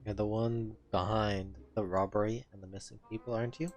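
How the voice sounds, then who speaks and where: A man's voice: fairly low pitch, steady tone, fairly quick, darkish tone, muffled recording. Chatty male game streamer. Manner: chatty, reads dialogue aloud and hums along. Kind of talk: casual gameplay commentary.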